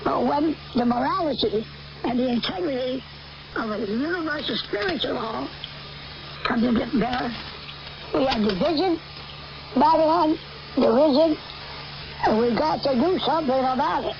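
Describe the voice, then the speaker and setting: Over a muffled, clearly noisy shortwave radio signal, an older American woman delivers a rambling end-times sermon in a high-pitched voice. Her preaching is emphatic, expressive and repetitive, with halts between phrases.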